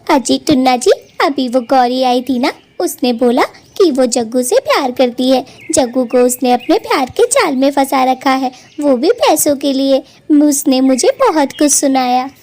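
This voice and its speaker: A woman's voice: sits high, animated, a little slow, hardly any pauses, darkish tone, dry recording. A woman voicing a meek, polite mother sparrow in a cartoon who pleads and soothes. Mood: distressed. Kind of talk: Hindi cartoon voice acting.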